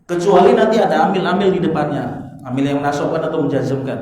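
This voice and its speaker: A man's voice: on the high side, fairly even intonation, fast talker, darkish tone. A man teaching an Arabic grammar class, explaining patiently, asking the students questions, and chanting verb patterns with them. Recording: echoey hall with long reverb.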